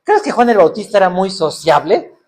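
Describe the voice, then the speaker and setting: A man's voice: high voice, very animated, brisk. A middle-aged man preaching a sermon, firing off rhetorical questions and acting out people's excuses. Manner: rhetorical questions, acts out excuses in other voices.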